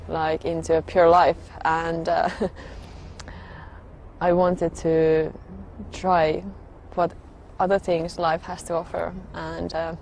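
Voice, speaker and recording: Woman telling her story, low-ish flat voice, lots of ums and pauses, reflective. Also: slight background noise. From Finland. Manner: hesitant, halting, with frequent pauses and fillers. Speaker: religious convert sharing her story. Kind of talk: personal testimony.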